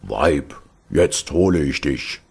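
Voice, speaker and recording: A man's voice: a bass voice, a little slow, creaky, slightly rough, full character voice. A man reading a fairy tale aloud, voicing a cruel furious knight who threatens his wife in a commanding way. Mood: bellowing.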